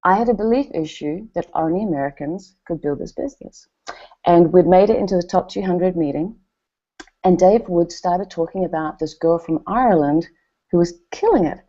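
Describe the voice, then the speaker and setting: Speaking at a normal speed with a lowish voice, this New Zealand-accented woman from New Zealand gives a motivational talk at a corporate event. She animates her stories by voicing the words of others, and the recording is muffled.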